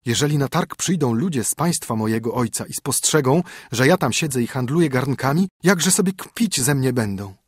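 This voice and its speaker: A man voicing a proud young princess brought low, speaking in a plaintive, lamenting way in a storybook reading. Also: expressive, moderate pace, hardly any pauses, breathy edge, no echo, studio quality. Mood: dismayed.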